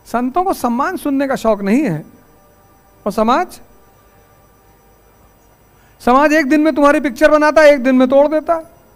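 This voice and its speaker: High-voiced man giving a folksy lecture. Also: normal speed, pauses often, faint music behind. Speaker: civil services exam teacher. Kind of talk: anecdotal classroom lecture. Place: classroom.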